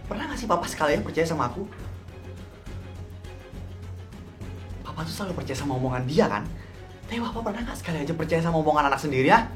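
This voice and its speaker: A man's voice: on the high side, lively intonation, rapid-fire, a bit bright, faint music behind. A man playing a neglected teenage son who pleads with his parents for love, wounded and bitter. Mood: accusing. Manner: wounded, pleading, turns accusing.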